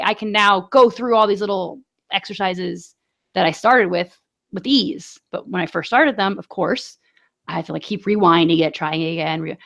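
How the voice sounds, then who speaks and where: A woman's voice: medium pitch, vocal fry, fairly bright tone. A woman in her forties chatting casually as a podcast co-host, telling stories full of fillers and light laughter. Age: 40s. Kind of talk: casual chat.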